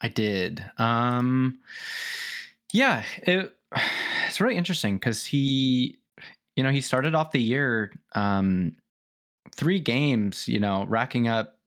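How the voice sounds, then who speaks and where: A man speaks slowly on a sports podcast, his humor wry and his delivery halting. He pauses often while he gathers his thoughts. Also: mid-range voice, lively intonation, a bit bright. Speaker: podcast co-host. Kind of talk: casual sports chat.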